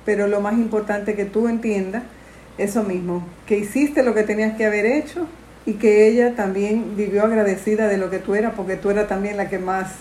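A woman host, gently comforting her guest. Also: medium pitch, fairly even intonation, brisk, reverberant, a little hiss or hum. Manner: gentle and reassuring. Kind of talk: comforting interview talk.

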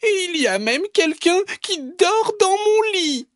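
A man voicing a tiny, excitable bear cub in a children's story, crying out in a small squeaky voice. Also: slow pace, no room sound, clean studio sound, full character voice. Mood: shrill, excited.

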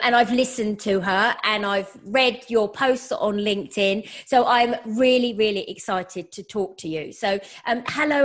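Upbeat woman podcast host, higher voice. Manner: enthusiastic, upbeat. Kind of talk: podcast interview.

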